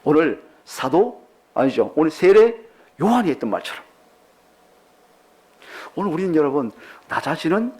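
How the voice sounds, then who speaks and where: A man's voice: on the high side, sing-song, moderate pace, long pauses, a little mellow, breathy edge. A man preaching a sermon as pastor, posing many rhetorical questions to the congregation.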